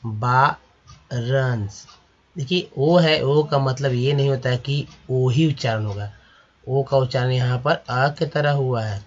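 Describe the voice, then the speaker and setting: A man teaching English vocabulary and pronunciation in Hindi, explaining patiently and repeating each word slowly for his viewers. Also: medium pitch, husky, muffled recording.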